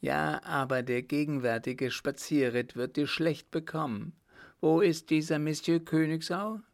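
A man doing a higher-pitched, threatening henchman. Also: fairly even intonation, unhurried, creaky. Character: harsh male accomplice officer, threatening.

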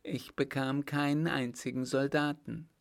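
A man's voice: mid-range voice, level tone, unhurried, creaky, pitched above the performer's own voice. A man voicing a frightened village mayor in an audiobook, answering hesitantly and stammering. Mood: fearful, submissive. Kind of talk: audiobook character voice.

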